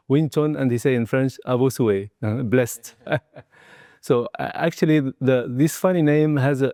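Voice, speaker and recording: This interview guest is a man in his sixties, raised in southern Tunisia, who teaches martial arts and Qigong. English isn't his first language, so he reflects on his life in broken, hesitant phrases, adding small tags at the ends. His medium-pitched voice is mellow and relaxed, captured close and dry.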